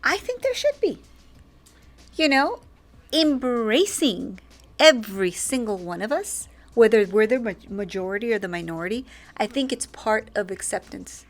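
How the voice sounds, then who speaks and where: Animated higher-voiced woman podcast host. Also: moderate pace. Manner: animated, provocative. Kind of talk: casual discussion.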